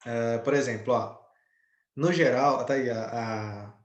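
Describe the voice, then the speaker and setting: A man's voice: mid-range voice, fairly even intonation, takes it slowly, echoey room, muffled recording. A man teaching an online lesson, explaining step by step and often checking in with his students. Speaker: Spanish teacher.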